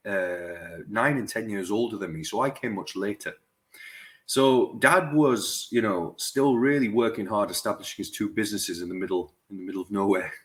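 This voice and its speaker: A man, a dentist telling his life story as a podcast guest in an unhurried, reflective way. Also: fairly low pitch, a bit bright. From West Yorkshire, England. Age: 40s. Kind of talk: reflective conversational interview.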